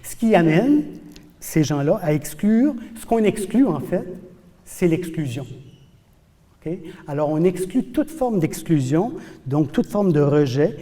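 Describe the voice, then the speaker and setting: A professor lectures with animated emphasis, repeating key words to drive them home. His voice sits fairly high but sounds mellow and soft-edged. The sound carries a long reverb from a large hall. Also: measured pace. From New Brunswick, Canada.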